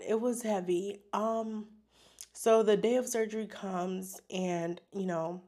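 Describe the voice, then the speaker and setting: A young adult woman vlogger telling a personal story to camera, emotional and halting, with many fillers. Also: mid-range voice, dark tone.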